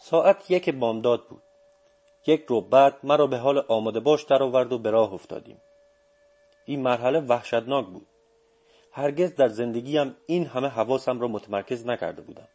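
A man narrating a first-person audiobook in a measured, steady reading. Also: mid-range voice.

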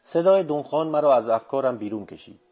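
A man reading a first-person story aloud in a steady, measured narration. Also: mid-range voice. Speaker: audiobook narrator. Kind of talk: scripted literary narration. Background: faint music.

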